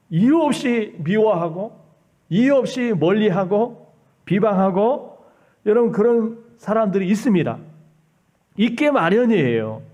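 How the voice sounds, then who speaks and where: High-voiced pastor preaching emphatically. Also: male voice, warm tone. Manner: pleading and emphatic, acts out mocking voices of scoffers. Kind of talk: Sunday sermon.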